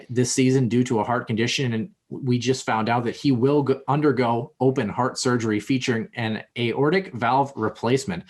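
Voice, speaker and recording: Male podcast host, hockey news rundown, casual delivery, slight lisp, mid pitch. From Minnesota. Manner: reads hockey news with fillers, says he is lisping.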